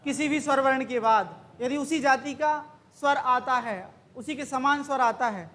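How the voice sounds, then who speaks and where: High-voiced woman teaching grammar. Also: moderate pace, fairly bright tone. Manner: quizzing, asks then answers her own questions. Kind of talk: exam-prep grammar lesson.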